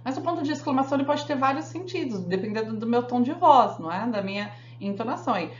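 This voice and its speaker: Animated woman teaching in an echoey room. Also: fairly high pitch, fast. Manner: explanatory, asks the class frequent check questions. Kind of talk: classroom grammar lesson. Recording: echoey room, dull sound, faint hum.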